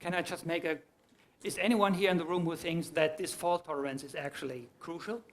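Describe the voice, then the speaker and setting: A man's voice: fairly high pitch, fairly even intonation, fairly quick. A man giving a conference talk, explaining his answers to audience questions and often restarting his sentences. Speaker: conference speaker. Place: conference hall.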